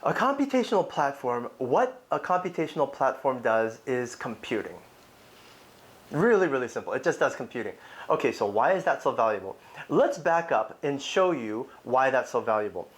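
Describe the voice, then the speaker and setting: Lively, insistent man hyping crypto. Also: mid-range voice, moderate pace. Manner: insistent, repetitive, addresses viewer directly. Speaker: crypto video host. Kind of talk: urgent promotional commentary.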